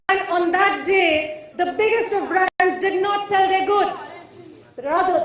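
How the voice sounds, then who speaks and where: A woman giving a formal podium speech to an audience, theatrical and rhetorical, with deliberate pauses and repetition. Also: extremely high pitch. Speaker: conference keynote speaker. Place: large event hall. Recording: echoey hall, distant mic, muffled.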